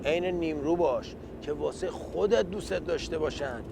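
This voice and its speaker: A man acts out an older taxi driver in a satirical comedy sketch, chatty and forever complaining in rhyming banter. His high voice is full of creak, with faint traffic noise around him. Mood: teasing. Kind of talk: scripted satirical comedy dialogue. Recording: faint vehicle and street noise.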